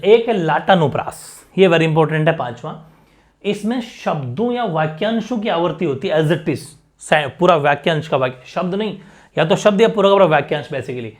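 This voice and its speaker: A man teaching an exam-prep lesson, explaining repetition and frequent check-ins to students. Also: sits high.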